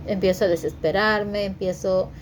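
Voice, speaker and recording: A woman telling a personal story to her viewers in a halting way, repeating words and using many fillers. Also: mid-range voice, fairly even intonation, noisy background. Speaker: vlogger sharing her story.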